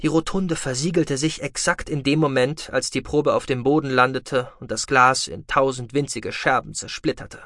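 Heller, trockener Hörbuchsprecher. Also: male voice, mid-range voice, a bit bright, dry recording, clean studio sound. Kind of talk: scripted audiobook narration.

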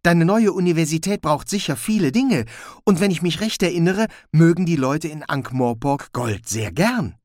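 A man's voice: fairly high pitch, animated, moderate pace, a little mellow, no room sound, studio quality, voice pushed up. A man voicing a small, naive and trusting man who speaks earnestly and eagerly.

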